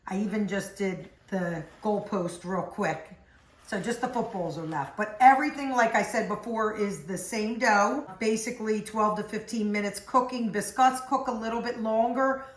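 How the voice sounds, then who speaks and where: A woman talks through a cookie recipe in her home kitchen, relaxed and chatty, explaining each step as she works. Her voice sits at an ordinary middle pitch. The room around her rings with plenty of echo. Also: moderate pace. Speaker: home cook demonstrating recipes. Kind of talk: casual cooking demonstration.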